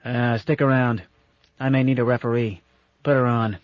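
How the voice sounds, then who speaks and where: A man reading an audiobook voices a gruff, bossy old captain who speaks in a folksy but fond way. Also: mid-range voice, flat delivery, moderate pace, dry recording, lightly acted. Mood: stern, folksy. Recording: dull lo-fi audiobook recording.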